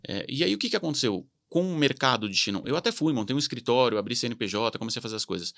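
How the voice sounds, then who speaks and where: A Brazilian CEO in his thirties, guesting on a podcast, tells candid stories full of quoted dialogue in a Brazilian Portuguese accent. His medium-pitched voice is lively, racing, creaky and fairly bright. The studio sound is clean with no echo.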